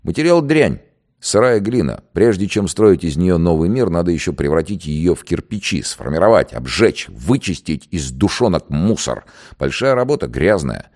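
A man's voice: low voice, sing-song, moderate pace. A man voicing a domineering secret police interrogator. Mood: contemptuous. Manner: sharp, domineering. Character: cold menacing male secret police interrogator. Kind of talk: dramatized reading of a dialogue.

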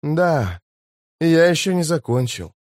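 Man putting on a rasping worn-out warrior priest, slow and grave. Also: on the high side, big pitch swings, darkish tone, no room sound, studio quality, pitched above the performer's own voice. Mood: weary. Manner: rasping, halting. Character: exhausted male warrior-priest, burdened and grave.

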